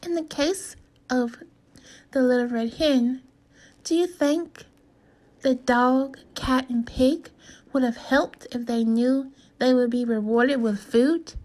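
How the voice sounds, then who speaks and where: A teacher with a fairly high, darkish voice reads a children's storybook aloud slowly. Her delivery is deliberate and instructive, guiding young listeners through a lesson and asking them questions.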